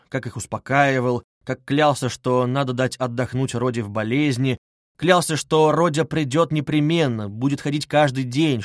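A man's voice: medium pitch, dry recording. Man narrating a novel, dry and close. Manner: measured, even storytelling. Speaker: audiobook narrator.

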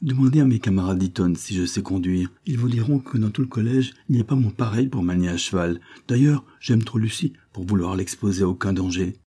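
Guy doing cocky young viscount kid, bragging, husky low voice pushed up. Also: brisk, hardly any pauses, mellow. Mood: brash. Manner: brash, boastful. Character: cocky boy viscount, brash and indignant.

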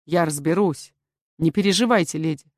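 A woman voicing Oliver, a loyal young male bodyguard who speaks calmly and with a dry wit. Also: low voice, moderate pace, no room sound. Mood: wry.

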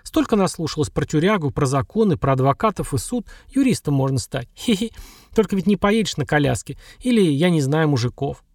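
A male reader putting on a blunt young nurse who grew up on the streets. Her voice sits higher than his own and swings lively through each line, with a gravelly edge. She talks in coarse slang and laughs things off dryly. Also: fairly quick, dry recording, studio quality. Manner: coarse slangy speech, wry chuckles. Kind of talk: audiobook dialogue.

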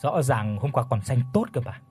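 Guy doing an old grandma, startled then scolding, soft husky voice. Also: medium pitch, very animated, normal speed. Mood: alarmed.

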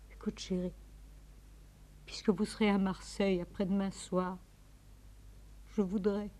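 An actress in a 1950s radio drama, playing a desperate woman pleading with her departing lover on the telephone, trembling and swinging from hushed to frantic. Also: fairly low pitch. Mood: tender.

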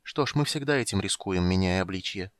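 A man reading the part of a gentle, sorrowful young woman, speaking softly and tenderly. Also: sits low, expressive, a little fast, dry recording, clean studio sound. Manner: soft, quiet and tender.

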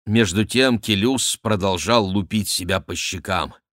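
A man reading a historical novel aloud in expressive audiobook narration, measured and close to the mic. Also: on the low side, no room sound. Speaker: audiobook reader.

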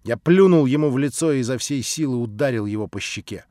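A man narrating a classic novel as an audiobook in a measured storytelling manner. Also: medium pitch, lively intonation, mellow, no echo, clean studio sound. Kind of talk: scripted literary narration.

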